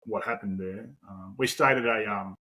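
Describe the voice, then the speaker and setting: An Australian man in his forties rambles casually as a podcast guest in a conversational interview, using lots of fillers and the occasional swear word. His lowish voice has a sharp, breathy edge and a moderate pace, and the audio quality is poor.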